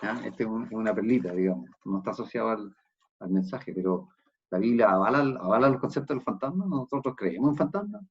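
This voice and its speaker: A man's voice: fairly low pitch, expressive, fast talker, breathy edge, lo-fi sound. A man with a Chilean accent preaching a sermon as pastor of a church, explaining a passage and often checking in with his listeners. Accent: Chilean Spanish.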